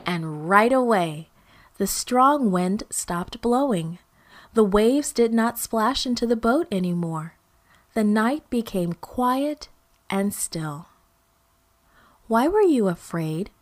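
A woman's voice: medium pitch, animated, slow pace. A woman telling a children's Bible story, speaking expressively and directly to young listeners.

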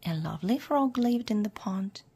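A woman reading a children's storybook aloud in a hushed, half-whispered way. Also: medium pitch, expressive, moderate pace, slightly rough. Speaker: storyteller for English learners.

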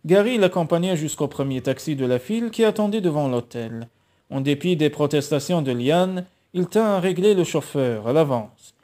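Un homme qui lit un roman à voix haute, narration posée en donnant une voix à chaque personnage. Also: male voice, a little high, animated, normal speed, warm tone. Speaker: lecteur de roman.

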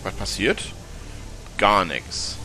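A man's voice: sing-song, takes it slowly, music in the background. A German man doing let's play commentary, chatty and teasing, talking back at the characters in the game as he plays. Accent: German, with northern colloquial speech. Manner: breaks into high-pitched laughter.

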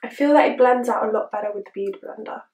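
A woman's voice: a little high, fast talker, darkish tone, recorded from a distance. A young woman with a chirpy, perky manner, chatting casually to camera as a beauty vlogger reviewing a product. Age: young adult. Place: small room indoors. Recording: roomy indoor echo.

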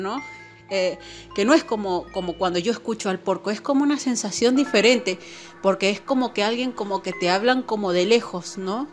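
A woman casually telling a personal paranormal story to her viewers, chatty and full of fillers and little "right?" tags. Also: medium pitch. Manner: chatty, filler-heavy, keeps asking "¿no?". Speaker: channel host.

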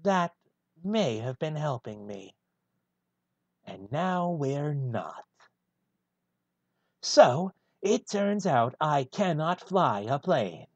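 A man voicing a gruff, brooding male hedgehog antihero in a one-take fan reading of a film script, deadpan and husky. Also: on the high side, very slow, pauses often, no room sound, lo-fi sound, full character voice.

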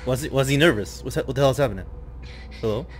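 A man's voice: medium pitch, very fast. A young man giving casual, profane gameplay commentary as a channel host, jittery and slangy, with slightly impeded speech. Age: young adult. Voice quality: slightly impeded speech after dental surgery. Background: game music.

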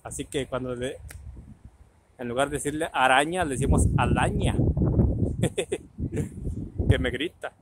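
A man's voice: medium pitch, fairly even intonation, a little slow, long pauses, heavy background noise. A man telling a casual anecdote about his childhood, colloquial and full of swearing, acting out the people in his story.

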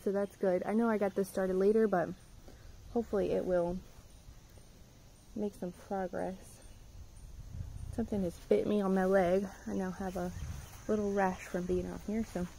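A woman's voice: mid-range voice, mellow, low-quality recording. A woman giving a casual, rambling tour of her garden outdoors, filming on a handheld phone. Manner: chatty, rambling, with frequent ums. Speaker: gardening vlogger. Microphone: handheld phone camera.

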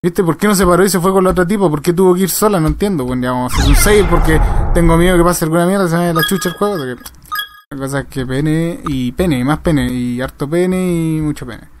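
A man with a Chilean accent giving crude, excitable let's play commentary, swearing constantly as he plays a game. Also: fairly high pitch, fast, noisy background. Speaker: gamer.

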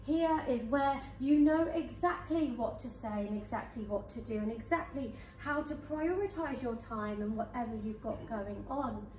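A woman hypnotherapist leading a guided hypnosis session for a live audience in a conference room, speaking in slow soothing suggestions. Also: a little high, expressive, a little mellow, a little hiss or hum. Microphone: far camera. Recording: echoey room from far off.

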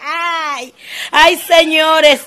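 A woman's voice: sits high, steady tone, very slow, bright, forceful tone. A woman vlogger, delivering a theatrical, sassy comedic monologue to camera that swings between shrieks and mock prayers.

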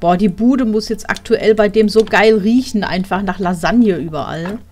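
A woman streamer talks through her game in an easy, chatty way, musing aloud about what to do next. Her voice sits at an ordinary middle pitch and comes close through a headset mic. Soft game music plays faintly behind her. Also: moderate pace. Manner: chatty, thinking aloud while playing. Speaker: let's play streamer. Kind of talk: casual gameplay commentary.

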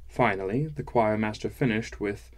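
A man narrating a fantasy audiobook in a measured, wry first-person style. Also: lowish voice.

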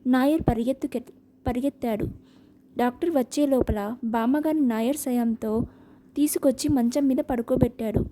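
High-voiced woman reading a novel aloud, really mellow sound, steady and expressive. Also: moderate pace, a little hiss or hum. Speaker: audiobook narrator. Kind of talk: audiobook novel narration.

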